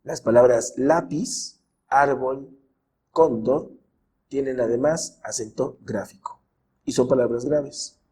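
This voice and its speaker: Measured man narrating a grammar lesson. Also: mid-range voice, warm tone, slightly rough. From Mexico. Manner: measured, stretches example words slowly. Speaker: teacher. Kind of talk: scripted educational narration.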